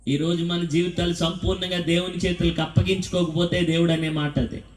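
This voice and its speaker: A man with a high voice preaches to his congregation, spinning stories and firing rhetorical questions at them. He sounds set back from the mic in a large, echoey church hall. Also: level tone, a little fast, distant mic. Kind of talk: sermon.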